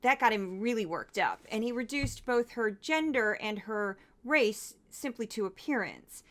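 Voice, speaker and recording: A woman hosts a commentary show, talking through news clips in a conversational way. Her voice sits a little on the high side, and her tone is wry and exasperated as she points out what she finds absurd. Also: animated, measured pace, fairly bright tone.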